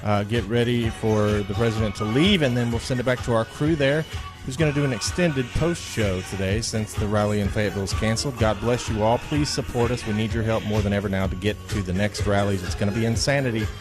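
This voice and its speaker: A man's voice: on the low side, fairly quick. An American man hosting live coverage in an informal, conversational way, with some hesitations. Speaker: broadcast host. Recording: loud music playing behind voice. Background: music.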